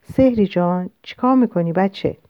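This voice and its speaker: A woman's voice: mid-range voice, no echo, close to an everyday voice. Woman reading as a weary, caring young husband. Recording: dull lo-fi dry recording.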